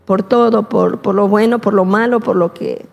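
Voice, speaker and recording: A woman telling her personal testimony slowly and with emotion, often repeating herself and quoting her prayers. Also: mid-range voice, fairly even intonation, creaky, in a large hall, muffled recording.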